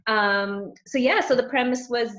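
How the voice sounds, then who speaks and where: A woman's voice: a little high, a little slow, a bit bright. A middle-aged woman, a guest coach, chatting casually in an interview, rambling and laughing often. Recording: roomy, dull lo-fi sound.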